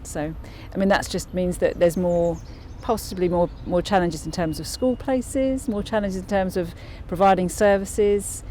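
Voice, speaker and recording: A woman's voice: lowish voice, normal speed, few pauses, dark tone, a little hiss or hum. A woman, a local councillor answering interview questions thoughtfully, with many restarts and fillers.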